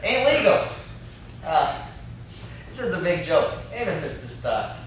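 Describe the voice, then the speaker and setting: Playing an outraged, blustering country prisoner in an amateur production, a young adult man uses a high, fairly bright, exaggerated voice with big swings in pitch, speaking a little slowly. His lines are folksy, complaining and threatening. He is recorded indoors in an echoey classroom-like space by a distant camera, with faint noise.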